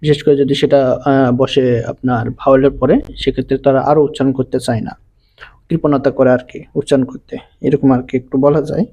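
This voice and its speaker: A man teaching a pronunciation lesson, spelling out letters and repeating each example word slowly. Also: medium pitch, flat delivery, mellow. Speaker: language teacher. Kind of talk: slow explanatory lesson.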